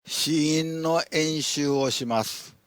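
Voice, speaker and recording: A man teaching a language lesson, laying out his points one by one in a deliberate, instructional way. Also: fairly high pitch. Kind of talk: instructional narration.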